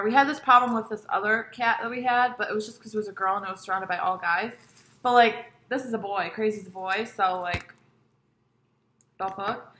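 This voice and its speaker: Bright-voiced young woman rambling casually. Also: medium pitch, slight background noise. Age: young adult. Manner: rambling, profane, frequent "like". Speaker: vlogger. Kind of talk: casual mukbang chat. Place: at home.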